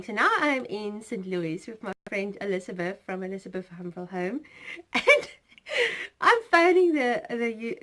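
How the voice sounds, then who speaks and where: A South African woman with a medium-pitched, fairly bright voice hosts a knitting podcast in her South African accent. Her casual chat rambles, full of fillers, asides, laughs, and self-interruptions.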